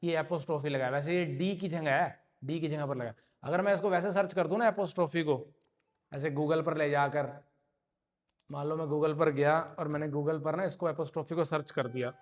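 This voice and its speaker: A man's voice: on the high side, fairly even intonation, normal speed. A man teaching an English grammar lesson to a class, explaining patiently and often checking that students follow. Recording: long reverb in a hall.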